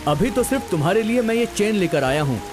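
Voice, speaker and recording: A man's voice: sits high, very animated, fast talker, over music. A young actor playing a devoted suitor who speaks affectionately to his beloved. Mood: tender. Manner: affectionate, promising. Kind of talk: low-budget film acting.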